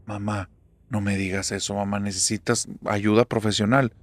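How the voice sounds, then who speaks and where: A man's voice: fairly low pitch, level tone, moderate pace, no room sound, lightly acted. A man with a Mexican accent voicing a worried young adult daughter who pleads with her mother in an earnest, insistent way.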